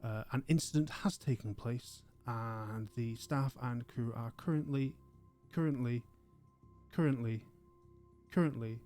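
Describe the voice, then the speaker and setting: A man voicing a malfunctioning ship computer that makes slow, loud announcements and glitches into stuttering repeats. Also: mid-range voice, faint music behind. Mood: glitching. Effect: glitching robotic voice, stuttering repeats.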